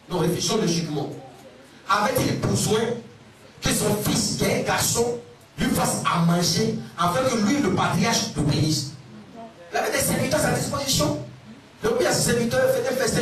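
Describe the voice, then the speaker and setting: A middle-aged male pastor preaching emphatically, firing questions at the congregation and sometimes slipping into a sing-song delivery. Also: very high voice. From Ivory Coast. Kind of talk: sermon. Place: large church hall. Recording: echoey, distant church sound with music. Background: music.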